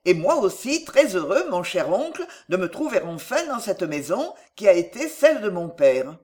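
A reader voicing a courteous bearded colonel who speaks politely and with gentle amusement. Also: medium pitch, sing-song, normal speed, natural voice.

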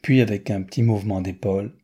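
A man narrating a novel aloud in a measured, literary reading. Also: lowish voice, fairly even intonation, warm tone, breathy edge. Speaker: audiobook narrator.

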